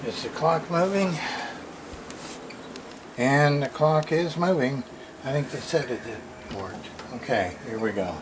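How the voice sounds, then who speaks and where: A repair video host gives casual, hands-on unboxing commentary, muttering to themselves in short, fragmented remarks. The voice is mid-range and unhurried with frequent pauses, recorded in a noisy room with clear background noise.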